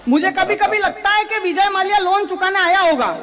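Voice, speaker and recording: Man, stand-up comic poet, extremely high pitch, noisy live event recording. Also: a little fast, a loud crowd.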